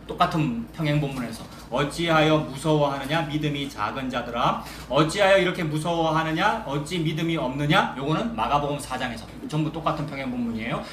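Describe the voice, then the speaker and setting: A man preaches from a church pulpit, his voice sitting a little high for a man. He talks to the congregation conversationally and keeps asking them questions. The sound rings around a roomy sanctuary over a faint background hum. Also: fairly bright tone. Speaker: pastor. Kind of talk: sermon. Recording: echoey church hall with faint ambience.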